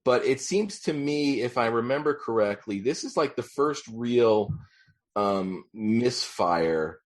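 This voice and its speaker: A man in his forties, a podcast guest, talking casually with many ums and pauses. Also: medium pitch, expressive. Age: 40s. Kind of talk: casual chat.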